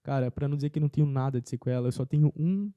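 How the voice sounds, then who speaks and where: A man telling a personal faith testimony as a podcast guest in casual chat, earnest and animated. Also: medium pitch, racing, clear, resonant tone, dry recording, muffled recording.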